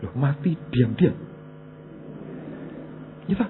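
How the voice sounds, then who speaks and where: A middle-aged man with a Javanese accent preaching a sermon as a pastor, telling a personal story and moving between hushed asides and loud, emphatic bursts. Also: mid-range voice, animated, slow pace. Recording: phone-like narrow sound with faint hum.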